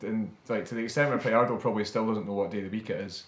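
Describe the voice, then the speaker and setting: A man's voice: lowish voice, very fast. A man chatting casually about football on a podcast, laid-back and dry, swearing now and then. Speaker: podcast co-host. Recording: echoey room with faint noise.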